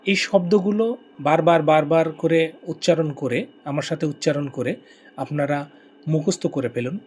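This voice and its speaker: Bengali guy teaching vocab, says every word over and over, voice a bit high. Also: a little mellow, husky. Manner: repeats each word several times, slow drilling. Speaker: language teacher. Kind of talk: language lesson.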